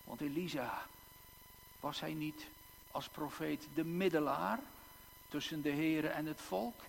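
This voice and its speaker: A male pastor preaching a sermon in a church, slow and emphatic, with long dramatic pauses and repeated words. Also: fairly high pitch, gravelly. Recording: echoey church hall, faint hum.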